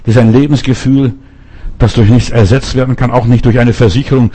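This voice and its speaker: Older male preacher with a mellow voice. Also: mid-range voice, steady tone, fairly quick, breathy edge. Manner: storytelling with quoted voices, dramatic cries of help. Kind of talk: sermon.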